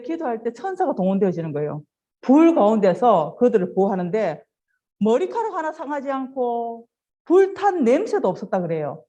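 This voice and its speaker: Woman doing a kids' sermon, storytelling, bouncy pitch, a bit high. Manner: animated storytelling, asks children questions, acts out quoted lines. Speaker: children's ministry preacher. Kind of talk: children's sermon.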